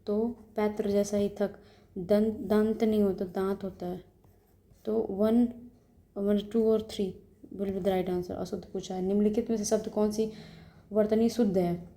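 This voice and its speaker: A woman teacher working through a practice test aloud, briskly explaining each answer and repeating words as she checks them. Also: medium pitch, fairly even intonation, warm tone. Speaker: exam coaching teacher.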